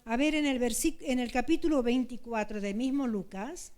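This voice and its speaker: A woman's voice: fairly high pitch, normal speed, darkish tone. An older woman from Argentina with an Argentine Spanish accent, preaching an earnest, pleading sermon with many repeated phrases.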